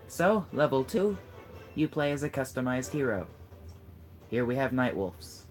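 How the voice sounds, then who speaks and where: A mid-range voice with big pitch swings and an unhurried pace belongs to a gamer coaching his friend in a relaxed let's-play. He teases and offers tips to the player beside him as game music runs underneath.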